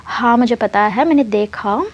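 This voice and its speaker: Woman as a direct, insistent young student girl, slightly high voice, muffled lo-fi audio. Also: moderate pace.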